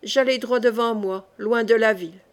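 A woman narrating a fantasy short story as an audiobook reader, in a measured, deliberate reading. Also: fairly high pitch, steady tone.

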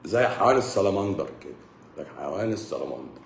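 Fast, joking Egyptian man in an echoey room. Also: low voice, gravelly, a little hiss or hum. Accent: Egyptian Arabic. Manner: animated and joking, mixes medical explanation with teasing asides. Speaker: doctor giving a talk. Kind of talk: joking live lecture.

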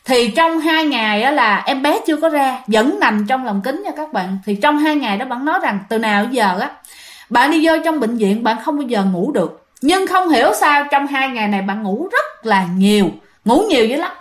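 A woman narrates a ghost story in a relaxed, chatty way. Her voice sits high, and she keeps turning to address her listeners directly. The telling feels casual rather than scripted. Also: normal speed.

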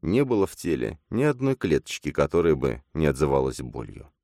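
Deep expressive male narrator, dry close sound. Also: fairly quick, vocal fry, dry recording. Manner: expressive storytelling. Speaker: audiobook narrator. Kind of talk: scripted narration.

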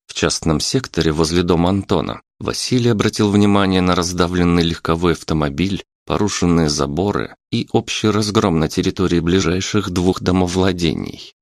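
Deep-voiced male audiobook narrator. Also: normal speed, no echo, clean studio sound. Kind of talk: scripted narration.

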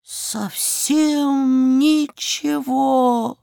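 A woman voicing a small boy in a children's story, high and breathless, full of eager excitement. The delivery is unhurried between outbursts, and the sound is close and dry, with no room around it. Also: no echo. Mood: dejected.

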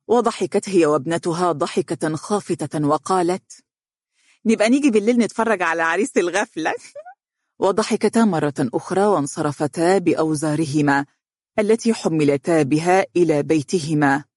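Male narrator, formal and measured, dry close read. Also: a little high, a little mellow, no echo. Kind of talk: scripted audiobook narration.

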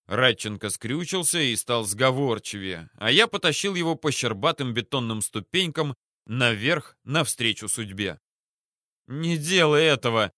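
A man reading a first-person novel aloud in a calm, measured way, with menacing understatement. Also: medium pitch, no echo, studio quality. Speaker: audiobook narrator. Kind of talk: scripted first-person audiobook narration.

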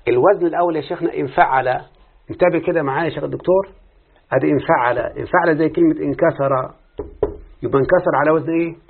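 A man with an Egyptian accent teaching a grammar lesson, quizzing students and repeating word patterns slowly. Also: on the high side, steady tone, slightly rough. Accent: Egyptian Arabic. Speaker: teacher of Arabic morphology. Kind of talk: classroom lesson with student responses. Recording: tinny phone-like lo-fi recording.

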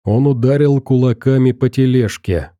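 A man narrating an audiobook in a steady, measured way on a close studio mic. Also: mid-range voice, no echo. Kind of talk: scripted narration.

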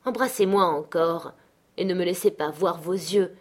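A woman reading a desperate dying young woman, tearful and clinging, pitch pushed up high above a fairly low natural voice, words strained and pleading. it's an audiobook of a classic novel. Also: moderate pace, close to an everyday voice. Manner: pleading, anguished, raised pitch.

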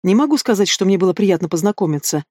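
A reader voicing a proud, sharp-tongued young werewolf woman in an audiobook. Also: medium pitch, expressive, quick pace, dry recording, clean studio sound, close to an everyday voice. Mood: grumbling. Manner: defiant, snappish retorts. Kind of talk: audiobook character voice.

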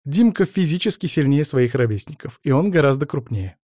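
A man's voice: fairly high pitch, lively intonation, a little fast, mellow, no echo, studio quality. A man reading an audiobook, voicing a self-assured young woman who placates her family. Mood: placating.

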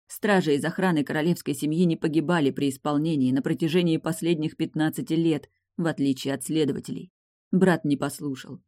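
A woman's voice: deep voice, mellow, no room sound, lightly acted. A reader voicing a grieving, furious woman guard officer, in an audiobook with a dry sound. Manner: bitter, outraged outbursts. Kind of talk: audiobook dialogue reading.

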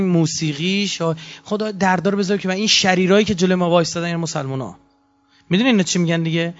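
A man giving a lecture, telling stories and acting out the quotes. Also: high voice. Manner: animated storytelling with acted-out quotes. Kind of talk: anecdotal lecture. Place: lecture hall. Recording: muffled lo-fi lecture recording.

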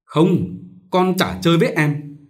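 A man's voice: a little high, animated, a little slow, darkish tone, voice pushed up. A man voicing a dutiful, bookish young son with a raised, earnest boyish tone, in an audiobook story reading.

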